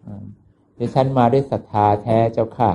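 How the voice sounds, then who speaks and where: A man voicing a devout village woman who humbly pleads, speaking slowly and politely. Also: mid-range voice, fairly even intonation, warm tone, slight background noise, lightly acted. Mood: pleading. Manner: slow, humble, pleading speech.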